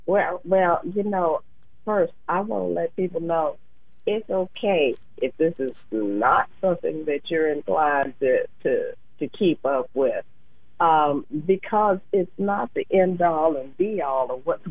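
A woman co-hosting a casual radio talk show, her voice scratchy, pausing often with fillers and restarts. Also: sits low, no echo. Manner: halting, many fillers and restarts. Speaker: co-host. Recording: tinny phone line.

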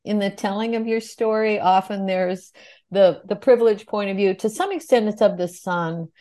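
A woman's voice: medium pitch, moderate pace, dark tone. A woman interviewer asking thoughtful, articulate questions in long, flowing sentences.

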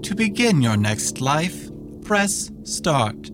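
A performer voicing an automated afterlife kiosk that speaks in formal, deliberate announcements, in a radio comedy sketch. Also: medium pitch, very animated, over music. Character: slow automated afterlife kiosk voice, sexless machine.

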